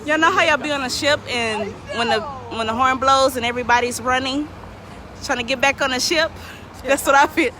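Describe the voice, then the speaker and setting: A woman's voice: sits high, a little fast, bright, forceful tone, some chatter behind, a little hiss or hum. A woman in her thirties hosting a casual live stream from outdoors, chatty and greeting viewers by name, laughing often. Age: 30s. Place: outdoors watching a ship depart.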